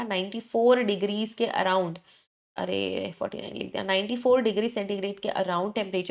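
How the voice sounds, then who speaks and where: A woman teaching an exam revision lecture, explaining briskly, often checking in with the class and correcting herself as she goes. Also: mid-range voice. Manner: brisk, repeats "ठीक है" to check in, self-correcting; mixes English terms into Hindi explanation.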